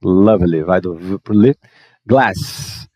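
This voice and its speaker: A man from Brazil teaching English grammar, explaining exercises at a quick clip and reading model sentences slowly. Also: low-pitched, no room sound. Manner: lively, switches between explaining and slow model sentences. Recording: dry, dull lo-fi mic.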